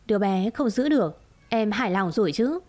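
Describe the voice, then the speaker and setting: A woman's voice: medium pitch, lively intonation, a little fast, a little mellow, natural voice. Woman narrator doing an angry husband blaming his wife, hard-edged, audiobook. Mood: accusing. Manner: accusing and harsh. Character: angry young husband, bitter.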